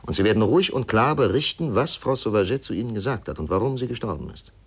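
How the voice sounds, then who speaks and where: An actor playing a stern, persistent male interrogator in a 1950s radio drama, pressing and measured. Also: lowish voice, expressive, slightly rough. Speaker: investigator questioning a witness.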